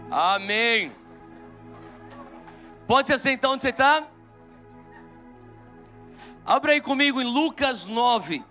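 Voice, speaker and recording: A man in his forties with a São Paulo Brazilian Portuguese accent preaches a live sermon with a high, bright voice. He exhorts the congregation fervently, often restarting his sentences, while soft music plays behind him. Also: expressive, slow pace, pauses often. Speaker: pastor. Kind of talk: live sermon and led prayer. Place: large church auditorium with live audience.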